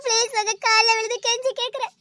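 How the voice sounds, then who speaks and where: A tearful young sister in a home-made drama, voiced by a woman, pleading through her crying. Her voice is extremely high, and the recording is dry and close to the mic. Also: little pitch movement, fast, bright, forceful tone, dry recording. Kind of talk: amateur drama dialogue.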